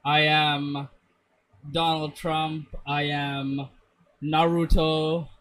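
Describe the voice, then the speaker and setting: A man's voice: on the high side, flat delivery, very slow, a bit bright. A man hosting a casual comedy podcast in a campy, theatrical, self-mocking way, swearing freely. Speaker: podcast host.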